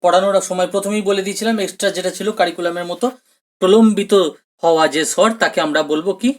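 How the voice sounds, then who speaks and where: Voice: medium pitch, fairly even intonation, quick pace. Teacher giving an exam-prep lesson. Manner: explanatory, repeats questions, checks in often; mixes English terms into speech. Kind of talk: recorded online grammar lesson.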